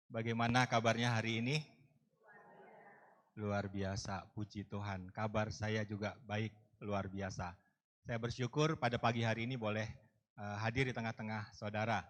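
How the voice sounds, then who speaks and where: A man's voice: on the low side, fairly bright tone. A middle-aged man from North Sumatra, giving a friendly, joking talk to a church group. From North Sumatra, Indonesia. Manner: chatty, self-joking, with fillers. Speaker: guest speaker. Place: church hall. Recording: long reverb in a hall.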